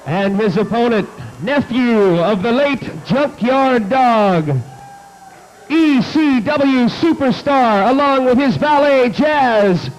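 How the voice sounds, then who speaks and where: A man working as a ring announcer, making grand entrance announcements with booming, drawn-out calls to the crowd. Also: lively intonation, a little hiss or hum, poor audio. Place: wrestling event in a recreation center, over the PA.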